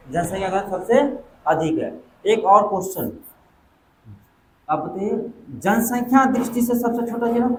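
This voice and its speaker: A high-voiced man lectures an exam coaching class in an echoey classroom, quizzing his students with quick back-and-forth questions. A little hiss or hum is audible.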